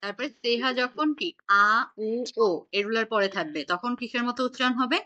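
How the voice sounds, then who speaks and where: A woman's voice: a little high, moderate pace, sharp tone, highs cut off. A woman teaching an online German class, patiently quizzing her students on pronunciation over a video call.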